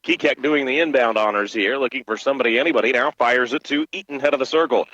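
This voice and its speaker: A man with a Midwestern American accent giving fast live play-by-play of a high school basketball game, with chatty asides and rising excitement on big plays. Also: dull audio, a little hiss or hum. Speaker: play-by-play announcer.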